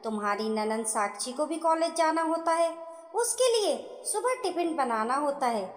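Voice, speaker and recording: A woman's voice: high-pitched, expressive, moderate pace. A woman putting on a bossy, scolding mother-in-law. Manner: sharp, irritated, bossy. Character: harsh scolding middle-aged mother-in-law. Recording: echoey room with long reverb.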